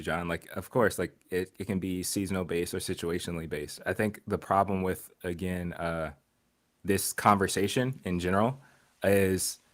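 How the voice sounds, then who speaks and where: Low-voiced man musing on a podcast. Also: fairly bright tone. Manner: reflective, repeats words while thinking; voices other people in quotes. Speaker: podcast co-host. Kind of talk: casual discussion.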